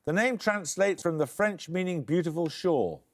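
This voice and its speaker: A man hosting a quiz show, reading questions crisply and giving dry, wry introductions. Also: high voice, animated, normal speed. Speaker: quizmaster.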